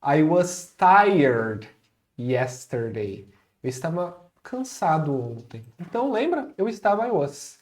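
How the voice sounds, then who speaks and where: A man co-hosting an English lesson, giving example sentences and saying them slowly and carefully as models to repeat. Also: a little high, very animated. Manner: slow, careful model pronunciation of example phrases. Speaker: English teacher, co-host. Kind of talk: casual online language lesson.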